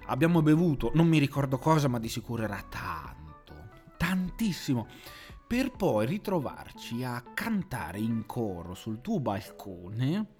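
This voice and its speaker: A man hosting a podcast with a very lively, swooping voice and a teasing, theatrical way of telling stories. Faint music runs underneath him. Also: medium pitch, unhurried. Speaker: podcast co-host. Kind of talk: casual chat.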